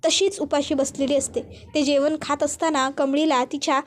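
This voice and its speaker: A woman retelling a serial episode as a steady narrative recap. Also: high-pitched, normal speed. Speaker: storyteller.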